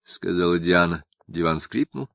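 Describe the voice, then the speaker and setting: Low, expressive male audiobook narrator. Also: gravelly, dry recording. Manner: expressive, measured storytelling. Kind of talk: scripted literary narration.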